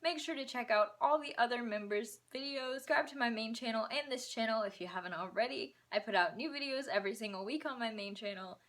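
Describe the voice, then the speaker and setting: A woman's voice: a little high, brisk, hardly any pauses, a bit bright. Slangy young woman telling a story. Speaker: channel host. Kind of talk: casual storytime.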